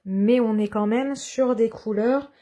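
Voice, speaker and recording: A woman's voice: on the high side, unhurried, warm tone. A woman chatting casually at her desk, explaining her watercolor work step by step with many fillers. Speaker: watercolor craft vlogger. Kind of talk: casual tutorial chat. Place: home desk in sunlight.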